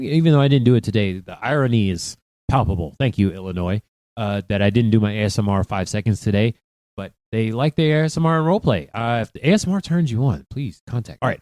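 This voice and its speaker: A male podcast host talking casually on his own, full of wry asides and little tangents. His pitch swings up and down freely as he reacts. The sound is close and dry, with no room echo. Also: a little mellow. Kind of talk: casual solo podcast commentary.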